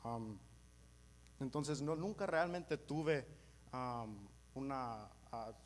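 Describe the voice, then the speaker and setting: Halting young man with American-accented Spanish. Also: medium pitch. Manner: halting, searching for words, switches between Spanish and English. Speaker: church teacher at a youth service. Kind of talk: informal religious teaching to a congregation. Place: live in a church meeting. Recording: clearly noisy with mains hum.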